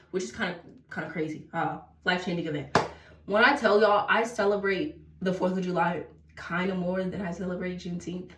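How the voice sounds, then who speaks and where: A woman's voice: mid-range voice, a bit bright, distant mic, slight background noise. A young woman telling a dramatic, slangy storytime while getting ready at home. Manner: chatty, dramatic, slangy, breaks into sing-song bits. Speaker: vlogger. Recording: roomy echo, voice a bit off-mic.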